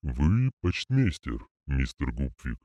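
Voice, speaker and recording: Giant clay golem, super deep rumbly voice, slow and unbothered, audiobook. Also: male voice, no room sound, exaggerated voice. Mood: calm. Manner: slow, flat and unshakably calm. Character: huge calm clay golem, male, steady. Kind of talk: audiobook character reading.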